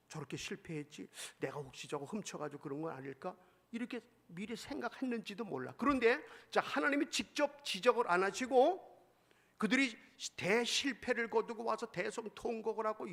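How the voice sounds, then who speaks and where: A male pastor preaching a sermon emphatically, swinging between loud exclamations and hushed asides. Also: sits high.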